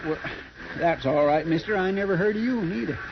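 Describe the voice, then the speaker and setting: High-pitched folksy sidekick Chester. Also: male voice, fairly quick. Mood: grumbling. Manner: folksy, indignant, stubborn. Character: loyal, fretful, folksy deputy sidekick of the marshal. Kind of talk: 1950s radio western acting. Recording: dull, noisy 1950s radio recording.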